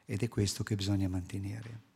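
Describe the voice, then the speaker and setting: A man's voice: on the low side, flat delivery, a little fast, dark tone, slightly rough. A man preaching a sermon to a congregation, explaining scripture earnestly and posing rhetorical questions. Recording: long hall reverb.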